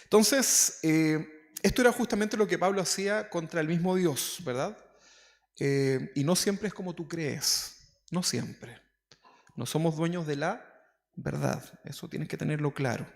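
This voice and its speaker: A man's voice: on the high side, unhurried, vocal fry. A man preaching a sermon as pastor, talking to the congregation in a casual way and often asking them questions. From Chile. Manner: conversational, asks the congregation questions. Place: church hall. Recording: long hall reverb.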